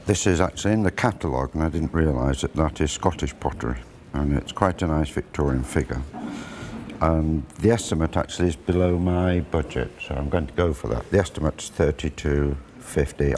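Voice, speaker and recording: A man in his sixties talking informally to camera about antiques, chatty and unhurried, on a lapel mic in an auction room. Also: very deep voice, a little mellow, slight background noise. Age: 60s. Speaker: antiques buyer and presenter. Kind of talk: informal explanatory talk to camera. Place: large indoor auction room. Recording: busy crowd murmur behind.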